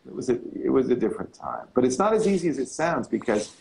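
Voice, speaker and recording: A middle-aged man and radio broadcaster in casual chat, telling stories in a relaxed way. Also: quick pace, gravelly, slight background noise, poor audio. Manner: relaxed storyteller, slips into deep announcer voice.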